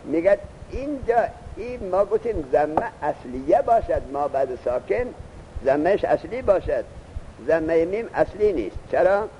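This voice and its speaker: Guy teaching grammar class, asks students stuff, kinda high pitched, faint hiss behind. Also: lively intonation, mellow, poor audio. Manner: explains slowly, quizzes students with questions.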